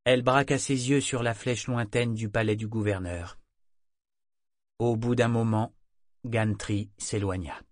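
A man reading a novel as an audiobook narrator in a measured, even manner. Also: lowish voice, no echo, clean studio sound. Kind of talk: scripted narration.

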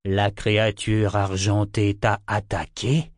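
A man voicing a large, weary old male serpent who speaks slowly and haltingly in a storybook reading. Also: lowish voice, a little mellow, slightly rough, no echo, studio quality. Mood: angry. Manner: slow, halting, solemn.

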